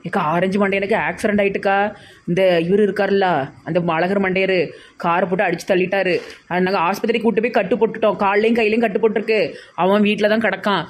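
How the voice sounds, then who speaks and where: A woman's voice: mid-range voice, fairly even intonation, fast, a little hiss or hum. A woman with a Tirunelveli Tamil accent in a village comedy sketch, talking insistently and gossiping.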